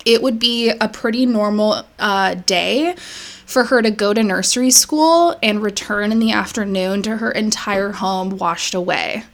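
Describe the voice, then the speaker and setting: Here a podcast co-host with a medium-pitched voice takes her time, retelling someone's life story in an easygoing manner stuffed with fillers.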